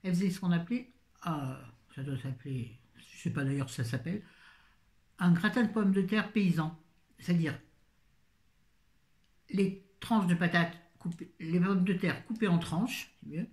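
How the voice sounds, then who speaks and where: A woman's voice: lowish voice, moderate pace, pauses often, a little mellow. A middle-aged woman chatting casually through a grocery haul, rambling with self-mocking asides. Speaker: vlogger. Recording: echoey room.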